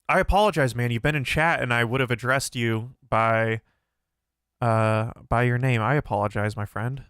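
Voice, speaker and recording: This young man, who hosts a philosophy livestream, takes chat questions in a casual, reflective style with many fillers and restarts. At a moderate pace, his medium-pitched voice sounds fairly bright, clean, and somewhat nasal, captured dry in a clean studio.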